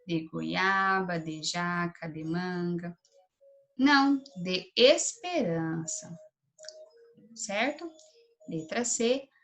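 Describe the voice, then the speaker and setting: A woman teacher with a Brazilian Portuguese accent records a lesson for young pupils. She explains each exercise patiently, reads the text slowly and deliberately, and often ends phrases with a questioning tag. Her voice sits at an ordinary middle pitch. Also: a bit bright. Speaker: primary school teacher. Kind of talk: recorded remote class lesson.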